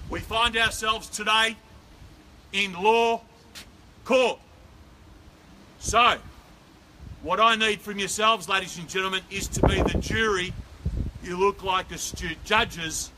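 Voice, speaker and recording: Out on a suburban front driveway, a middle-aged Australian auctioneer with a high-sitting voice runs a live property sale, mixing persuasive patter with rhythmic bid calls. There's background noise, and the sound comes from a distant camera with no visible microphone.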